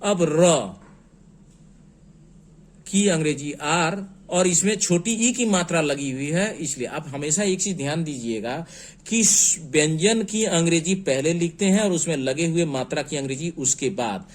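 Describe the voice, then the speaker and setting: Male teacher, fairly high voice, unhurried spelling-lesson delivery. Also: expressive. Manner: slow, patient, spells words letter by letter. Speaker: English teacher.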